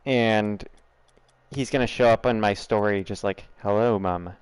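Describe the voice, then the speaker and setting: An unhurried, lowish voice, clear and resonant with no room sound, belongs to a young man from the United States. He speaks with a General American accent, chatting casually and laughing during a gameplay livestream as he talks to his viewers.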